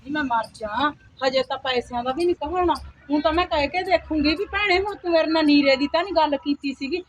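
A woman's voice: high voice, fast, slight background noise, natural voice. A woman playing a poor young village mother who works as a day laborer, weary and complaining. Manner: plaintive, complaining, sighs to God. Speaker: actor in a home-made skit. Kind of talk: amateur village drama.

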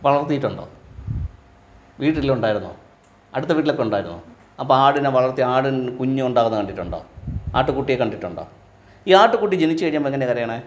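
A spiritual teacher from Kerala preaches to a live audience in a hall with a roomy echo. He is very animated, firing off quick rhetorical questions and letting his voice fall low and quiet as each point ends.

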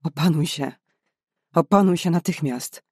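A man's voice: fairly high pitch, a little slow, a little mellow, husky, no echo, clean studio sound. A man voicing a desperate young woman doctor. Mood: despairing. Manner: urgent, emotional. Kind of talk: audiobook character voice.

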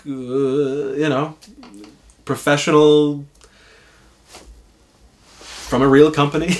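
A man in casual podcast chat, telling a rambling, enthusiastic story and swearing freely. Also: mid-range voice. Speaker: podcast regular.

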